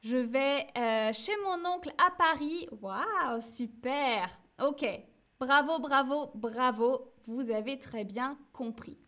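Slow, high-voiced woman teaching French. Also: bright, forceful tone. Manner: slow, clear, patient teaching with frequent checks; reads viewers' chat messages aloud. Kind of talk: live-streamed language lesson.

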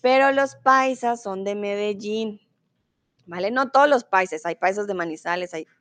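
In a dry recording, a woman with a medium-pitched, fairly bright voice speaks at normal speed while teaching a live online Spanish class. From Bogotá, Colombia, she has a neutral Bogotá Colombian accent and warmly reads her students' comments aloud with laughs.

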